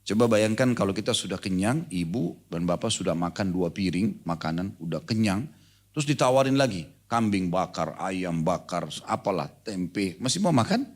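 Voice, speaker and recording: A man's voice: low voice, animated, normal speed. A middle-aged man giving a live sermon to a congregation in a hall, talking conversationally and quizzing his listeners directly. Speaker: Islamic preacher. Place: lecture hall with a live audience.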